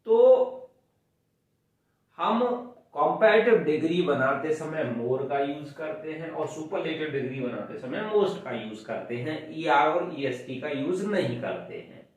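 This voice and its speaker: Slow-talking male teacher in an echoey room. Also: fairly high pitch, expressive. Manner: explains step by step, counts syllables aloud, drawls words while writing. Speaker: English grammar teacher. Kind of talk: classroom grammar lesson. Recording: very echoey room, voice far from the mic.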